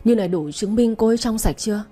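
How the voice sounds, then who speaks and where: Over soft background music, a woman reads a storybook part as a rich household's young heir, a husband seething with cold anger who barks harsh commands. She speaks fast in a slightly high, mellow, natural voice.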